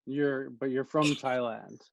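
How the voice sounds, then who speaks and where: A man's voice: mid-range voice, fairly even intonation, unhurried, vocal fry, no room sound. A man from the United States co-hosting a casual podcast chat, steering the talk with questions. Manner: chatty, leading the questions. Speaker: podcast co-host. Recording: dull, dry sound.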